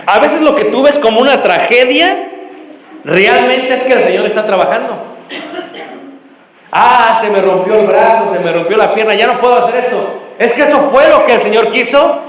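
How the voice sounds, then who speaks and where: High-voiced preacher in echoey hall. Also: male voice. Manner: storytelling sermon with call-and-response questions to the congregation. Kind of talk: sermon. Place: church hall. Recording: echoey hall with long reverb.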